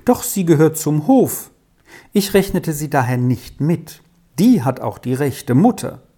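A reader voicing a chatty, kindly middle-aged gentlewoman who talks in a lively way. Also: medium pitch, measured pace, husky.

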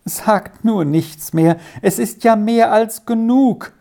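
A woman's voice: fairly high pitch, takes it slowly, creaky, dark tone, voice pushed up. A woman doing a fervent old grandmother. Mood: tearful joy. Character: kindly old grandmother, overjoyed and tearful.

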